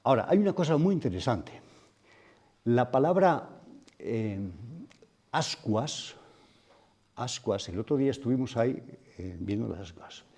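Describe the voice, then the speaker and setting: A man with a mellow, warm voice preaches a sermon at a men's retreat. He speaks in a reflective way and keeps turning to the room with questions. His pitch sits in a mid range for a man. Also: lively intonation, measured pace, long pauses. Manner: reflective, asks the audience questions.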